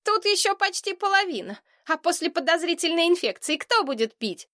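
A woman's voice: very high voice, sing-song, a little fast, fairly bright tone, no echo, studio quality, pitched above the performer's own voice, heavily acted. A woman doing a cheeky teasing boy. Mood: mocking. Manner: mocking, sing-song rhymes.

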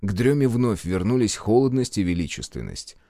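Male narrator, low voice, lively intonation, dry close sound. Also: moderate pace, no room sound. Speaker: audiobook narrator. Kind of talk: scripted fantasy narration.

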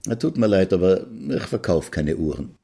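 A man's voice: low voice, expressive, moderate pace, vocal fry, mellow, slightly rough, heavily acted. A man doing a dry, patient old-world circumciser.

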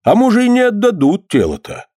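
A man's voice: sits high, huge pitch swings, brisk, mellow, dry recording, voice pushed up, heavily acted. Man doing sly old priest, oily pious talk, voice swoops around, dry sound. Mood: unctuous. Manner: unctuous, pious, sermonizing.

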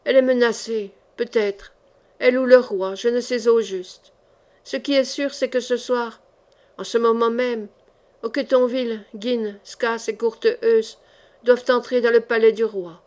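A woman's voice: fairly high pitch, fairly even intonation, a little slow, darkish tone, lightly acted. A woman reading the part of a frightened bohemian male painter who stammers and pleads breathlessly. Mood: pleading.

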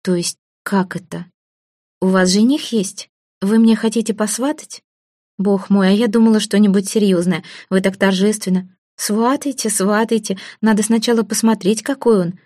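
A woman's voice: medium pitch, steady tone, normal speed, dark tone, no room sound, studio quality, natural voice. A woman voicing a poor, proud young orphan woman who talks in a flustered, pleading way. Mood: puzzled. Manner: pleading, flustered, self-deprecating.

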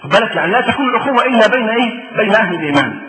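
Fast, high-voiced Egyptian preacher. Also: male voice. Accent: Egyptian Arabic. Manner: rapid, animated, often asks rhetorical questions. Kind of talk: sermon storytelling. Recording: echoey room with background noise.

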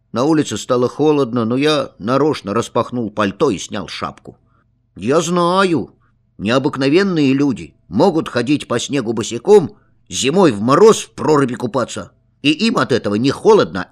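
Man reading a wistful boy's tale. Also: mid-range voice. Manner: wistful, dreamy first-person narration. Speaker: reader. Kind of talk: expressive story reading.

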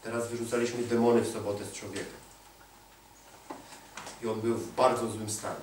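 A man preaching a sermon, emphatic, repeating key phrases and slowing down to stress them. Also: lowish voice, little pitch movement, a little mellow, a little hiss or hum. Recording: echoey hall, voice from a distance.

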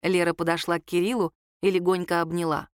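A woman narrating a novel in an even, lightly wry storytelling manner. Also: fairly low pitch, fast talker, clean tone, dry recording, clean studio sound. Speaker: audiobook narrator. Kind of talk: scripted narration.

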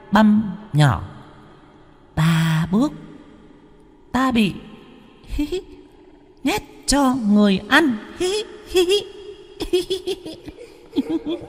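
A creepy ghost child from a horror storybook, chanting sing-song in a very high, swooping voice with shrill giggles. The voice rings out with a long, echoing reverb over eerie music. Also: male voice, full character voice.

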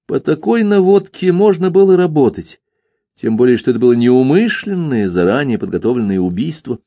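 A man's voice: medium pitch, sing-song, a little fast, dark tone, no room sound. A wry male audiobook narrator. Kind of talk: scripted narration.

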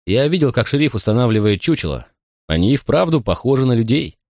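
An audiobook reader voicing a gentle, bewildered grown man who earnestly insists he doesn't know the answers. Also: medium pitch, big pitch swings, fast, dry recording, clean studio sound, pitched above the performer's own voice. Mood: puzzled.

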